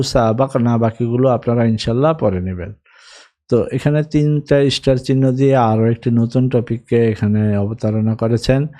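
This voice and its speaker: A man's voice: mid-range voice, mellow. A man teaching an Arabic grammar lesson, patiently drilling verb forms one by one.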